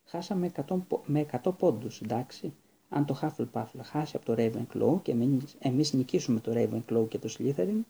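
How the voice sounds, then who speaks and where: A man reading an audiobook, voicing a joking, reassuring teenage boy with a raised, gravelly voice. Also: mid-range voice, expressive, warm tone. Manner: teasing, reassuring. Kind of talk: audiobook character voice.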